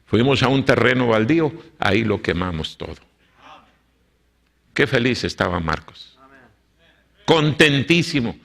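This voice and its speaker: A male pastor with a Mexican Spanish accent, preaching a story-driven sermon in a church and acting out the dialogue, moving between loud and hushed. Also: medium pitch, animated, measured pace, vocal fry, long pauses. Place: church sanctuary.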